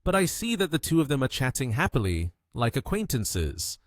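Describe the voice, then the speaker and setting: A man's voice: mid-range voice, sing-song, moderate pace, no room sound, studio quality, voice pushed up, close to an everyday voice. A man voicing a naive young woman who asks uneasy questions.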